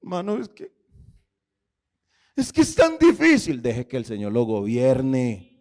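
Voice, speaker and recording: A male pastor preaching a sermon with passion, often rising to shouts and calling his listeners brother. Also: mid-range voice, huge pitch swings, measured pace.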